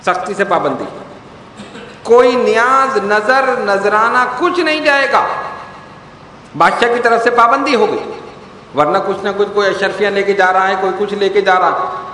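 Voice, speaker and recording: A man delivering a storytelling sermon, acting out quoted dialogue with lively emphasis. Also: sits high, pauses often, slight background noise. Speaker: religious preacher. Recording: echoey hall with long reverb.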